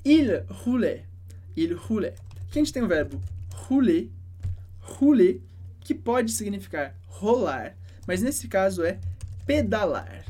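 Woman, French teacher, mellow tone, careful slow repetition, patient lesson. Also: mid-range voice, big pitch swings. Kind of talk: explaining a dialogue phrase by phrase.

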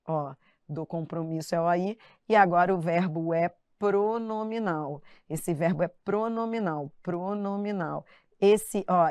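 In a voice on the low side, a middle-aged woman with a Brazilian Portuguese accent leads a live online grammar class. She is lively and talkative, playfully copying her students, and the sound is clean studio audio with no room sound.

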